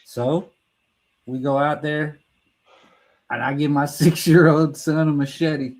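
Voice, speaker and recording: A man's voice: on the high side, steady tone, slow pace, a little mellow, rough recording. A middle-aged man with a slightly raised voice tells a long, crude story among friends. He rambles, trips over his words and keeps laughing at his own punchlines. The talk is loose and full of cursing. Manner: restarts and stumbles mid-sentence. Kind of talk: casual profane storytelling.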